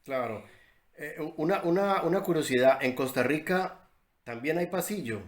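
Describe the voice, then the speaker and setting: A Colombian man hosting an interview, asking curious questions and pausing often on fillers as he searches for words. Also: a little high, animated. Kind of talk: conversational interview.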